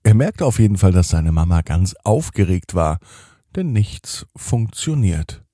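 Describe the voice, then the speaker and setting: Low, lively bedtime storyteller man. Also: a little slow, no echo, clean studio sound. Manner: gentle, addresses children directly. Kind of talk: bedtime story narration for children.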